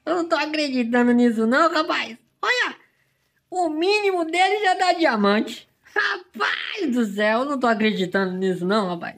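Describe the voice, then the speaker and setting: A man's voice: high-pitched, a bit bright. Man, gaming host, overexcited, exclamatory, emotional play-by-play commentary. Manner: exclamatory, emotional, fills lines with "rapaz". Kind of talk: excited hunting-game commentary.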